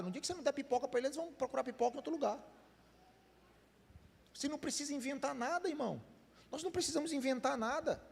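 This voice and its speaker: Brazilian pastor preaching in a reverberant hall. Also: male voice, extremely high pitch, creaky. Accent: Brazilian Portuguese. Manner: addresses the congregation directly with questions; conversational preaching with quoted dialogue. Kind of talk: sermon. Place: church hall.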